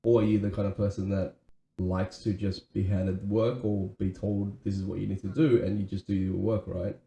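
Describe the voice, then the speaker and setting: A man with a low, very dark, mellow voice co-hosts a casual podcast chat. He talks earnestly, restarting phrases and tagging them with "right?", and his voice carries a roomy echo. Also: flat delivery, normal speed, gravelly, a little hiss or hum. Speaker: podcast co-host.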